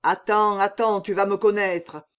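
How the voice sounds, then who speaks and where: A man's voice: high-pitched, fairly even intonation, unhurried, fairly bright tone, clear, resonant tone. A man reading aloud, voicing a vengeful young man disguised as a monk, cold and unforgiving. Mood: merciless.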